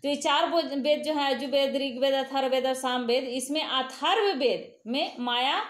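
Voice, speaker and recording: A woman's voice: high voice, moderate pace, echoey room. A woman tutor reading exam questions aloud and answering them, with hesitant fillers and self-corrections, her voice lifting sharply on each new question. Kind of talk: exam quiz walkthrough.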